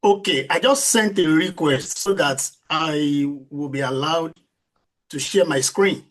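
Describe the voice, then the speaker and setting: Slow-paced, polite man presenting formally. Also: on the high side, fairly bright tone. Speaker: conference presenter.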